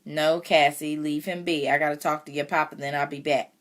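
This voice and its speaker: A woman reading aloud voices a kindly older farmhand who talks gently and plainly. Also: low-pitched, flat delivery, fairly quick, natural voice.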